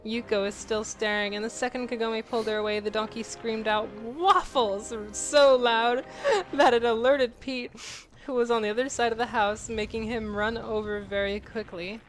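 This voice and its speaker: A woman's voice: medium pitch, flat delivery, brisk, few pauses, faint music behind, low-quality recording. A young woman co-hosting a gameplay video, reading a crude fan story aloud and laughing through it. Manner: giggly, reads aloud while breaking into laughter.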